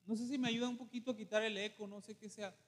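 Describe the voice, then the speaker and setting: A man's voice: high-pitched, steady tone, fast. A male pastor, preaching a humorous, storytelling sermon and calling the congregation to answer amen.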